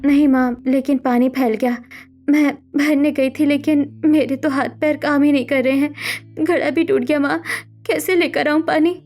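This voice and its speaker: A woman voicing a patient, overworked young sister who speaks softly and humbly in a cartoon story. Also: high-pitched, fairly even intonation, moderate pace, faint music behind, close to an everyday voice. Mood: meek. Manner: soft-spoken, submissive, sorrowful.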